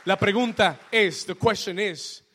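Male pastor preaching, bounces between spanish and english, high voice, gets loud and shouty. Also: a little slow, slightly rough, some chatter behind. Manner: builds to shouting exhortations. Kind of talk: bilingual sermon.

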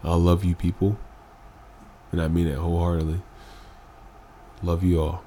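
Very deep-voiced earnest man, emotional. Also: level tone, normal speed, mellow, a little hiss or hum. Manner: earnest, emphatic, repeats phrases for stress. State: emotional after crying. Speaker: podcast guest. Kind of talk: emotional candid conversation.

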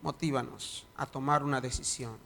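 A man's voice: medium pitch, steady tone, normal speed, vocal fry, bright, forceful tone. A man preaching a sermon in church, reading scripture dramatically and then leading a prayer. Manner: dramatic reading, voice rising and falling. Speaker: pastor.

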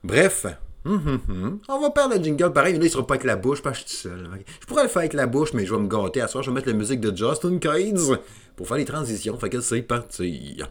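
A man's voice: mid-range voice, very animated, quick pace, a little hiss or hum. A man with a Québécois French accent hosting a solo video game podcast, talking in a rambling, casual way full of fillers and restarts.

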